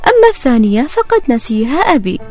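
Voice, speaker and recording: Woman doing a witty forgetful jester man, calm, sly, high lively voice. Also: fast, soft background music.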